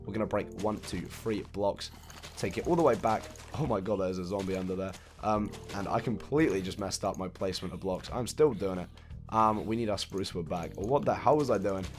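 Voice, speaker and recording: A man with a low, fairly quick voice, hoarse and croaky from a recent cold, hosts a video game building tutorial. He casually walks viewers through the build step by step, counting blocks aloud and laughing off his own mistakes. Faint music plays in the background.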